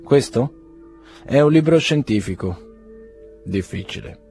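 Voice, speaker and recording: A man's voice: mid-range voice, lively intonation, a little slow, darkish tone, soft background music, pitched above the performer's own voice. A man voicing a blunt, teasing young doctor in a storybook reading.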